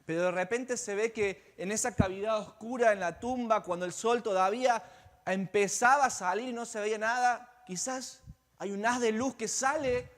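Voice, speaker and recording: A man pastor delivering an Easter sermon as dramatic storytelling, swinging between loud passages and hushed ones. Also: sits high. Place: church sanctuary. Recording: long church-hall reverb.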